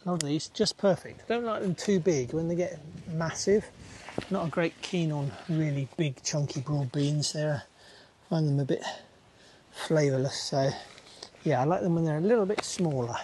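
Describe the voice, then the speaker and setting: A man's voice: fairly high pitch, moderate pace, a little mellow, a little hiss or hum. A man talking casually while he works his allotment plot, thinking aloud with plenty of fillers. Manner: chatty, easygoing, thinks aloud with many fillers. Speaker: allotment gardener, channel host. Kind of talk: casual narration while gardening.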